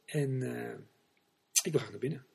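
A man's voice: medium pitch, normal speed, creaky, darkish tone, breathy edge, pitched below the performer's own voice, exaggerated voice. A man voicing a distinguished, pious woman who lists her church virtues, in a sermon parable. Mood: earnest.

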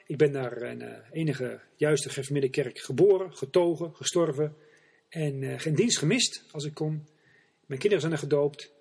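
A man's voice: on the high side, moderate pace, gravelly, darkish tone, husky. A man playing a prim, pious church lady. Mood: earnest. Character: distinguished pious churchgoing woman.

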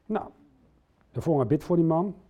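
A man's voice: on the high side, expressive, moderate pace, dark tone. A middle-aged man preaching a sermon, speaking earnestly and putting direct questions to his listeners. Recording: dull lo-fi recording.

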